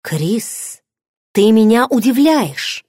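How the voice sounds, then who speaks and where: A woman's voice: fairly high pitch, lively intonation, drawn-out words, warm tone, slightly rough, no room sound, clean studio sound, voice pushed up, full character voice. A woman voicing a playful, nosy young pregnant friend who teases with pushy questions. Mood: teasing. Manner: teasing, bubbly, pushy questions.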